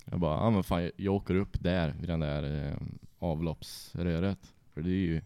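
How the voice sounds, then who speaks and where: Low-voiced man telling a crude story. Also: fairly even intonation, mellow, clean tone, dry recording, clean studio sound. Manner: profane, laughs through his story. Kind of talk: casual anecdote telling.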